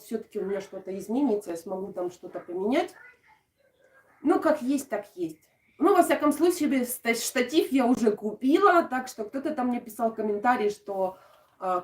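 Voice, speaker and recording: A young adult woman with an Odesa accent chatting casually and affectionately to live-stream viewers, in a halting way with thoughts that trail off. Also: mid-range voice. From Odesa region, Ukraine. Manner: affectionate, uses endearments and diminutive names. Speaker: craft video blogger and live streamer. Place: indoors at home. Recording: echoey room, distant microphone.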